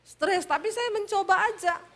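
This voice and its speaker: A woman pastor from Sulawesi with a Sulawesi accent, preaching in a loud, animated, humorous storytelling style. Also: moderate pace. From Sulawesi, Indonesia. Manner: loud, animated, high-toned speech.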